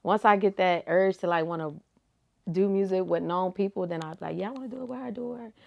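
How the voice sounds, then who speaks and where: Speaking in a mid-range, gravelly voice at a quick pace, this young woman is a guest on an interview, relaxed and slangy, her answers full of "like" and "you feel me." She's a rapper and reality TV personality. The audio sounds dull.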